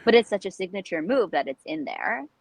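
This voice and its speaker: A woman chatting casually as a guest, animated and self-deprecating, repeating words for emphasis. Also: medium pitch, fairly quick, gravelly, dry recording. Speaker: guest, recreational jump roper. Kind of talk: casual chat about learning skills.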